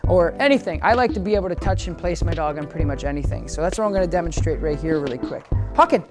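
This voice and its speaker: A man working as a dog trainer, casually explaining his method to viewers and breaking into high, upbeat praise and commands for the dog. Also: quick pace. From United States. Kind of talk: instructional training demo. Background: background music.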